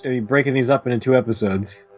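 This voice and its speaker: A man's voice: medium pitch, quick pace. A man co-hosting a podcast, in natural, unscripted casual talk about a TV show. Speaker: podcast co-host. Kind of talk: casual fan discussion of a TV show. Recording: dull lo-fi sound, music behind.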